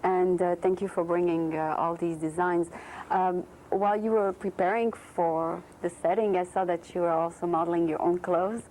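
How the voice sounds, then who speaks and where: Halting, soft-voiced woman host from Tunisia. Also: lowish voice, steady tone. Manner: halting, searches for words. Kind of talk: studio interview. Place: TV studio. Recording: noisy early-1990s TV audio.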